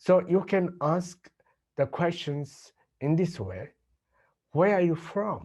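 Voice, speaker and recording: A man with a Bangladeshi accent teaching English, slowly repeating example questions and answers. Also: high-pitched, expressive, darkish tone. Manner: slow, deliberate repetition of example sentences. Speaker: English tutor. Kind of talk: language lesson with model dialogues.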